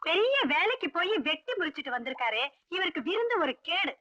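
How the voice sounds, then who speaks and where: A fiery young wife, high bright voice, dry old film sound. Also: female voice, sing-song, fast talker, no room sound, lo-fi sound, heavily acted. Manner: scolding, teasing. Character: feisty sharp-tongued young wife. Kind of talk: 1980s Tamil film dialogue.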